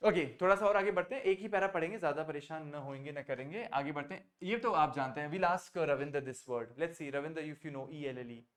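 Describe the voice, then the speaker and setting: A man teaching a French class, explaining sounds patiently and mixing Hindi with English. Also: on the high side. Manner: explains slowly, mixing Hindi and English, coaxes students to repeat. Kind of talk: online class teaching pronunciation.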